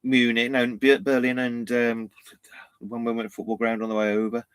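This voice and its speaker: A man's voice: medium pitch, monotone, normal speed, clear, resonant tone, no echo. A man co-hosting a casual live stream about van life, rambling and laughing as he answers viewer questions. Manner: chatty, rambling, laughs often, says "bloody" and "innit". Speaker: van life channel co-host.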